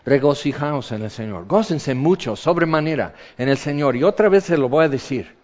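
A man with a Mexican accent delivers a sermon in a high voice, retelling a scene with lively asides and playful voices for the people in it. The recording sounds dull and lo-fi. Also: moderate pace. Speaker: preacher.

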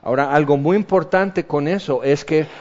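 A man with a Mexican accent delivers a sermon in a high voice, retelling a scene with lively asides and playful voices for the people in it. The recording sounds dull and lo-fi. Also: normal speed. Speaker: preacher.

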